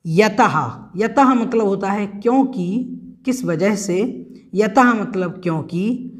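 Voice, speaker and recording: A man teaching a scripture class, explaining verses slowly and carefully and repeating words so learners get the pronunciation right. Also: high-pitched. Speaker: religious teacher. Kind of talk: chanted Sanskrit verse recitation. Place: home, online class recording.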